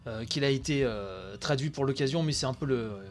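A tired man hosting a podcast, giving chatty, excitable live commentary on a video stream, full of fillers and asides. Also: medium pitch, fairly quick, soft background music. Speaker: podcast host.

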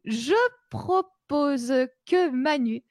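A woman's voice: high-pitched, animated, very slow, a little mellow, no echo. A woman hosting an improv comedy show, presenting casually to a live online audience.

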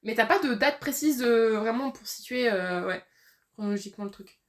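A woman's voice: a little high, animated, moderate pace. A young French-speaking woman co-hosting a book podcast, rambling casually with many fillers and restarts. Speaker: podcast co-host. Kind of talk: casual chat about books.

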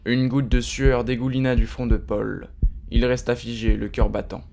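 A man giving steady, understated scripted narration of an audio drama. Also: mid-range voice, moderate pace, vocal fry, soft background music.

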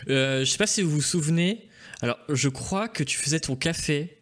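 A man hosting a casual live stream in a relaxed way, reading out messages from the chat. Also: on the high side, normal speed. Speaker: host.

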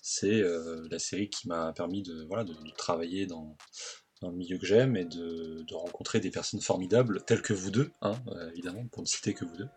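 A man's voice: sits low, brisk, a little mellow. A man speaking as a guest on a casual podcast, enthusiastic and full of hesitations as he recalls details. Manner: enthusiastic, lots of filler hesitations.

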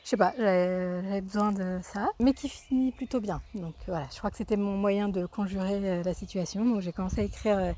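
A woman from France in her thirties speaks into a phone voicemail in a casual, unhurried way. She pauses often and searches for her words. Her voice is mellow and warm, at an ordinary pitch. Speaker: guest animation director. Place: artist residence in rural southern France.

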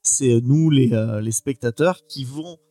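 A man chatting on a live stream, full of hesitant restarts as he pitches his topic. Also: unhurried, warm tone, dry recording, soft background music. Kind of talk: casual stream chat.

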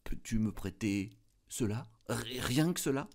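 A man's voice: mid-range voice, expressive, unhurried, vocal fry, a little mellow, pitched above the performer's own voice. A man voicing a discontented young wife who pleads and sulks, in a read-aloud story. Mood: eager. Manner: pleading, tearful, then eager.

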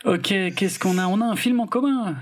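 His voice sits high and moves at a moderate pace as this man, a podcast co-host, talks films with his co-host. The chat is easygoing and meandering, packed with hesitations, fillers and hedging.

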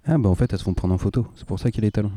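A man's voice: fairly low pitch, rapid-fire, mellow. A man from co-hosting a podcast, chatting casually, self-mocking and laughing, swearing offhandedly. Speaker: podcast co-host. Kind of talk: casual chat.

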